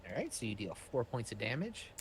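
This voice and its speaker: A man's voice: mid-range voice, huge pitch swings, quick pace, creaky, slight background noise. A man narrating as game master in a casual, loose way, with many fillers and restarts.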